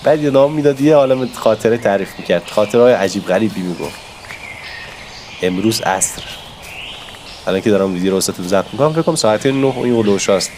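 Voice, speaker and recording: Gaming YouTuber, male, low and a bit hoarse from a cold; excitable, talks straight to viewers. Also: noisy background. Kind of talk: casual gameplay commentary.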